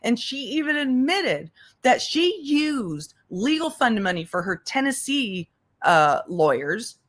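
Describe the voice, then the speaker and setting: Speaking slowly in a high-leaning, sing-song voice, a woman hosts a livestream of legal commentary. It's loose and unscripted: she's exasperated, curses freely, and keeps restating things for emphasis.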